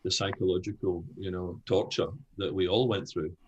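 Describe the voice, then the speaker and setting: A man's voice: sits low, steady tone, moderate pace, darkish tone, lo-fi sound, a little hiss or hum. A Scottish man, older, speaking frankly as an interview guest, with many restarts. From Scotland. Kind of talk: conversational interview.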